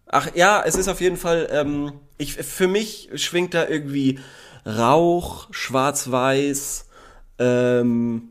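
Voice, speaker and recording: A man chatting casually about favourite words, rambling with many fillers and quick bursts of speech. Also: fairly high pitch, clear, resonant tone. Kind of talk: casual chat.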